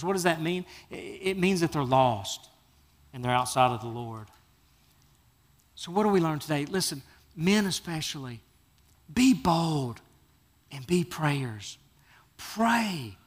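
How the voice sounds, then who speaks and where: A pastor preaching a sermon, telling Bible stories in a folksy, animated way and acting out the characters' lines. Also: male voice, on the high side. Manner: animated storytelling, acts out biblical figures; folksy, casual phrasing.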